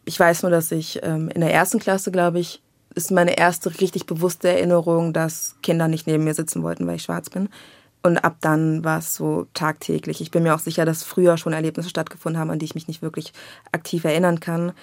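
A woman's voice: low-pitched, a little fast, no echo. A young woman from Berlin with a Berlin German accent, talking candidly and reflectively as an interview guest. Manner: candid, reflective, slangy, quotes others in lively voices. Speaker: children's book and screenwriter, interview guest. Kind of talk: casual conversational interview.

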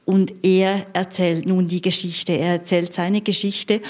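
Woman, book critic, low voice, explanatory, matter-of-fact, radio discussion. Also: little pitch movement, measured pace, a little mellow.

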